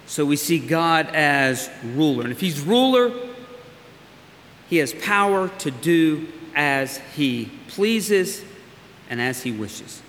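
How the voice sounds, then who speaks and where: A man preaching a sermon as a pastor, earnest and emphatic, with slow pauses for weight. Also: on the high side, very animated, a bit bright. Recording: long hall reverb, faint hiss.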